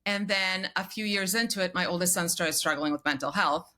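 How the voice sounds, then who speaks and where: Woman, forties, from Croatia, guest on an interview show, tells her story briskly and laughs at herself, lowish voice with a bright edge. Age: 40s. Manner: brisk and self-deprecating, laughs often. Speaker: podcast guest.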